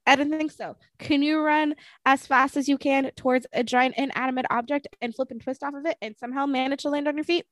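Feisty higher-voiced woman podcast co-host. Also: steady tone, brisk, few pauses, no room sound. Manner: emphatic, feisty, giggly. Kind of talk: casual chat.

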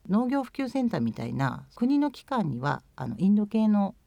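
This guest, a woman in her fifties from Chiba, Japan who once volunteered overseas, responds to interview questions hesitantly and thoughtfully, using many fillers. At normal speed, her mid-range voice swings widely in pitch and sounds creaky and dark, with dull audio and no echo.

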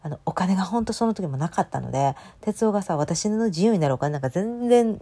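Speaking with a Kansai Japanese accent, a woman in her thirties shares a personal story, her voice on the low side with a dark tone. The casual monologue is animated and brisk, emotional and chatty, and full of fillers.

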